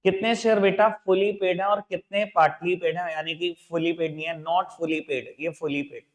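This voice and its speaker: In a classroom lecture, a high-pitched man teaches accounts with an Indian accent, mixing Indian English into Hindi. His intonation is fairly even as he coaxes students along, calling them beta and babu. He dictates slowly, spelling out each entry and repeating key points.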